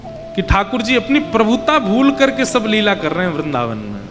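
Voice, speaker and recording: A man giving a devotional scripture sermon, telling the story with expressive voices and repeated emphatic phrases. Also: sits high, normal speed, big-room sound, music in the background. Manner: acts out child and mother voices in the story, lively. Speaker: Bhagavat katha preacher.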